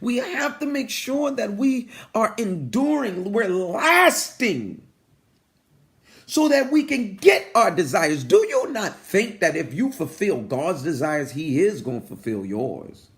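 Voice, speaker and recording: A man's voice: sits high, unhurried, hardly any pauses. A man in his forties preaching a motivational sermon, congested and sniffling, calling out to his listeners and talking to God like a friend. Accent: New York. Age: 40s. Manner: animated, calls out to listeners, talks to God like a friend. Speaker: pastor. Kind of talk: live-streamed motivational sermon.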